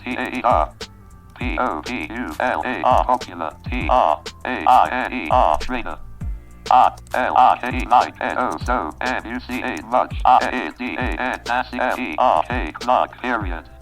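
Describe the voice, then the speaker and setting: A robotic synthesized male screen-reader voice, clipped and flat, spelling out typed letters one by one. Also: lowish voice, normal speed. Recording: distant computer speaker, faint music behind.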